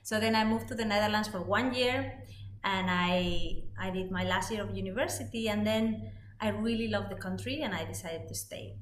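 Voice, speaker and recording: A woman in her forties from Spain, speaking English with a Spanish accent as her second language, calmly telling her story as a podcast guest and executive coach. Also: mid-range voice, moderate pace. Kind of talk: conversational interview. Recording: roomy sound with faint noise.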